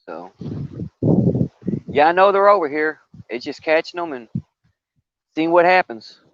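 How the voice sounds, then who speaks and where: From a riverbank outdoors, an older fishing livestreamer tells rambling, folksy stories, stumbling and restarting as he goes. His voice is a little high and a bit bright, expressive, and unhurried. The recording is dry and lo-fi.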